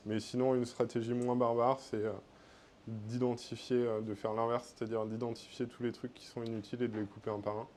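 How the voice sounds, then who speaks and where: Casual French tech speaker, mellow tone. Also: male voice, mid-range voice, level tone, a little fast, a little hiss or hum. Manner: casual, many fillers. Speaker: conference speaker. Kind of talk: tech meetup talk. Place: meetup room.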